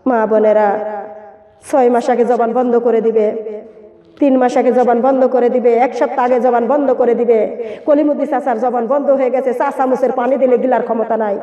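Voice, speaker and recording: A woman's voice: a little high, reverberant, big-room sound, highs cut off. A woman preacher giving a sermon in a sing-song chant, calling out to the women listening.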